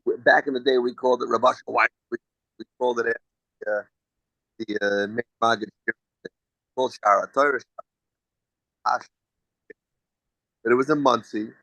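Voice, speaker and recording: A man's voice: mid-range voice, fairly even intonation, a little slow, vocal fry, long pauses, bright, forceful tone, no echo, poor audio. A man from the United States, a singer answering interview questions in a chatty, storytelling way with frequent restarts.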